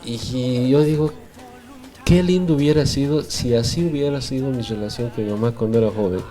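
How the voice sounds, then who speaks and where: A man's voice: medium pitch, brisk, mellow, faint music behind. A man, giving earnest faith-based family advice on a radio show with many tag questions. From Bolivia. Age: 40s. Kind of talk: radio talk with religious counsel.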